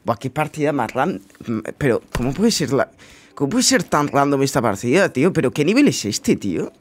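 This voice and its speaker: A man's voice: mid-range voice, sing-song, moderate pace, slightly rough. A man giving casual, incredulous commentary over his own gameplay, muttering asides to himself. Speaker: gaming YouTuber.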